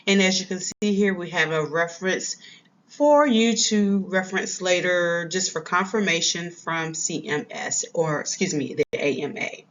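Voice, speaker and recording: A woman with a cold-roughened, raspy voice, chatting casually while teaching medical coding. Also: lowish voice, lo-fi sound. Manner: chatty, folksy, says y'all. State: hoarse from a cold. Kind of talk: casual vlog and lesson.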